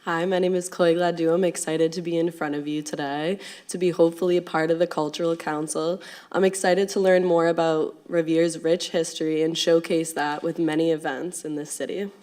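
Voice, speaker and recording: A woman gives a short, eager statement to a committee. Her voice is low and stays flat. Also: fairly quick. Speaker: appointee to cultural council.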